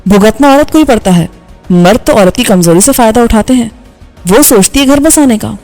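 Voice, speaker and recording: A woman's voice: on the high side, darkish tone, lightly acted. A woman voicing an angry, bitter young male engineer who speaks harshly in audiobook dialogue, over faint background music. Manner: harsh, scolding delivery.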